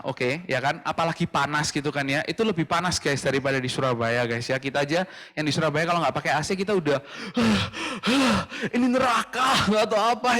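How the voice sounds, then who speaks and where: Brief: a laid-back youth preacher, slightly higher voice, chatty style. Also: male voice, a bit bright, long reverb tail. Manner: casual, mixing in English phrases, addressing "guys". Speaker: youth pastor. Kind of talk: casual youth sermon. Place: church livestream.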